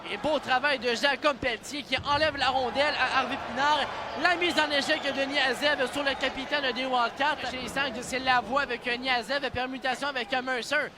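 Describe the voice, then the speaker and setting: A very high-pitched man with a Quebec French accent calls ice hockey play-by-play at a moderate pace, urgent and bursting into shouts on shots and goals. Behind him, a cheering arena crowd and music create loud background noise.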